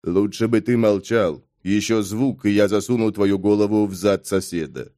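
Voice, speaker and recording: A crude, grumpy soldier from an audiobook mutters gruff threats in a low voice, as the male reader plays him. The sound is dry and close. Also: normal speed, warm tone, dry recording, natural voice. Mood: grumbling.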